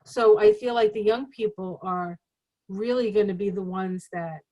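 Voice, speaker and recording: A woman's voice: medium pitch, moderate pace, warm tone, lo-fi sound. A woman astrologer talking casually as a guest, rambling and chatty with many fillers. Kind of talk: casual conversation.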